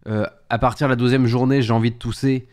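A man's voice: medium pitch, little pitch movement, quick pace, darkish tone. A man streaming live with a head cold, chatting casually, stumbling and restarting his sentences and exclaiming at technical trouble. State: sick with a head cold, blowing his nose.

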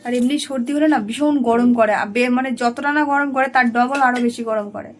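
A woman chatting to her viewers in a rambling home vlog, her voice hoarse from a cold. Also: on the high side, fairly even intonation, a little fast, soft background music. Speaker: home vlogger.

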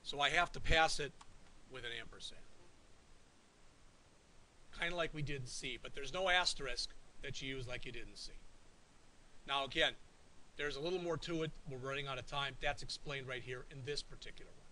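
A man's voice: medium pitch, normal speed, long pauses, sharp tone, low-quality recording. A man teaching a college programming class, talking conversationally and checking in often with the students. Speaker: college instructor. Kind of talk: classroom lecture. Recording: faint hiss.

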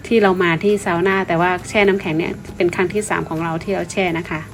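A woman from Thailand talks as a vlogger in a polite, explanatory way, informally and with some repeated words. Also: on the low side. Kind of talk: informal explanatory vlog narration.

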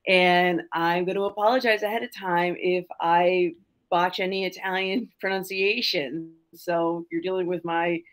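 This is a forty-year-old woman with a New York accent, talking in a slightly low voice. She is an upbeat, chatty genealogist presenting a webinar over a video call. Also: fairly even intonation, a little slow. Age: 40s. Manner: upbeat, chatty, self-deprecating. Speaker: genealogist guest.

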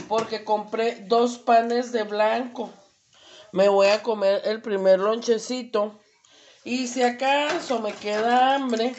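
Slow and chatty with lots of fillers, a Mexican-accented woman walks through a cooking demo in her kitchen. Her voice sits a little high with a darkish tone, and the recording from a camera across the stove is muffled, with slight background noise.

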